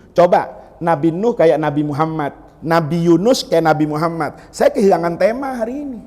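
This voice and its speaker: Here the man's voice is high-pitched with a darkish tone, echoing through a reverberant hall. His sermon is a humorous one, full of stories and jokes, and he addresses the crowd as "Pak".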